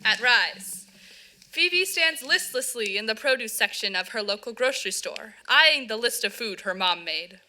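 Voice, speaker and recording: A woman's voice: on the high side, expressive, normal speed, sharp tone. A woman reading the stage directions of a play as scripted narration.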